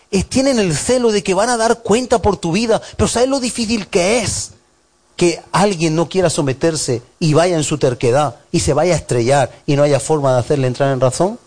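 Male pastor, slightly high voice, animated sermon delivery with emphatic lists. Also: moderate pace.

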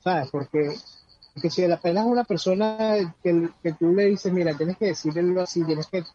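A man's voice: high voice, moderate pace, mellow, dry recording. A man giving earnest, conversational advice on personal growth, often repeating words as he searches for them. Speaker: guest speaker on personal growth. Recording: dull lo-fi sound with faint background noise.

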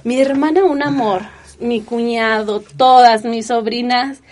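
A woman, telling her personal story in an interview with earnest, animated feeling and many fillers. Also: fairly high pitch, unhurried. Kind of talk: emotional personal testimony.

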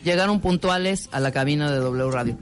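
A woman's voice: deep voice, fairly quick, soft background music. A woman co-hosting a radio show, teasing and joking. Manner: lively, laughing, teasing. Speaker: radio co-host. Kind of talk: casual on-air banter.

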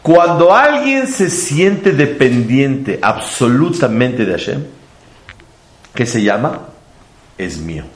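A man's voice: medium pitch, big pitch swings, slow. A man giving a Torah sermon, asking rhetorical questions and using playful homely examples. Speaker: religious teacher. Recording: echoey room.

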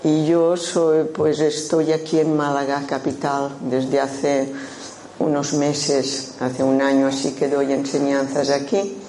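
An older woman from Menorca, Spain, with a Menorcan Spanish accent, gives an informal talk to an audience as a Buddhist teacher. Her soft, mellow voice sits low and flat, and she speaks very slowly and thoughtfully, often pausing to think. The recording sounds roomy with faint background noise.

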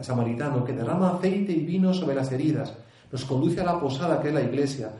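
A priest with a Castilian Spanish accent giving an earnest conference talk, full of restarts, rhetorical questions and a tag "¿eh?". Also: male voice, mid-range voice, dark tone. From Spain. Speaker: priest and pastoral speaker. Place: conference hall. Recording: echoey hall.

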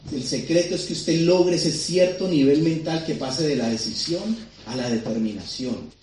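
Excitable man in an echoey hall. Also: a little high, a little hiss or hum. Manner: fast, excitable storytelling with audience questions. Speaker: motivational speaker at a sales seminar. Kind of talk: storytelling seminar talk. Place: large seminar hall. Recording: very echoey hall, mic at a distance.

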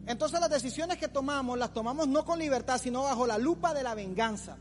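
This forties-aged pastor talks briskly in an extremely high pitch during a casual youth sermon. Teasing and colloquial, he performs the voices of imagined complainers, and the audio has long hall reverb with music running below.

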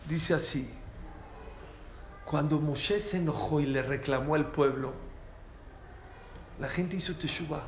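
A man with a fairly high voice teaches a small group, animated and full of rhetorical questions. The sound is roomy, with a faint hum of noise behind him. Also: takes it slowly, long pauses. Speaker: Torah teacher. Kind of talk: lively spoken Torah class.

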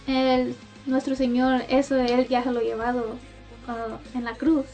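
Woman, devotional talk host, high pitched, gentle conversational manner, faint music behind. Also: flat delivery, a little slow. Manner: gentle, conversational, with small laughs.

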